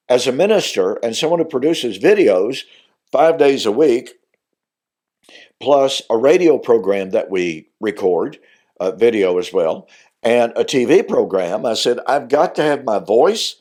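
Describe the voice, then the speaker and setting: Earnest and growing more emphatic on key points, an older minister gives a Bible teaching monologue on video. His voice, weakened while recovering after he lost it, is medium-pitched, expressive, unhurried, and darkish.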